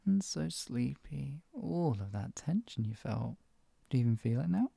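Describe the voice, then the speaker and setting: A performer voicing a teasing, possessive villainous hypnotist in a soft, breathy ASMR role-play, coaxing and lulling a captive pet. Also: medium pitch, expressive, normal speed, no echo, exaggerated voice. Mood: smug, doting. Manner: soft coaxing murmur slipping into close speaks softly.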